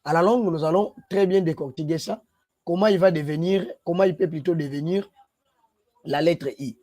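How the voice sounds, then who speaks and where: A man's voice: on the high side, normal speed, mellow. A man, teaching a language lesson and spelling out letters one by one. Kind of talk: slow spoken lesson.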